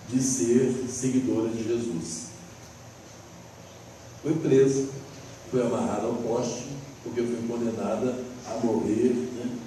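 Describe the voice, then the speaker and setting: A middle-aged man with a Brazilian Portuguese accent gives a spiritist lecture in a medium-pitched, dark-toned voice. His style is folksy, and he often ends his points with tag questions. The hall recording is roomy and distant, with slight background noise.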